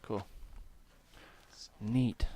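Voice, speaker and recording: A man's voice: drawn-out words, warm tone. A man hosting a podcast in casual chat, joking crudely and swearing a lot. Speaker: podcast host.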